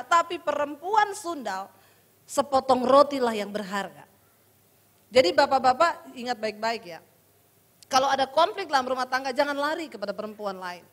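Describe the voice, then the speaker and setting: High-voiced woman preacher in a reverberant hall. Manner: emotional, addresses listeners as "saudara", swings from hushed to loud. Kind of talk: sermon with personal testimony.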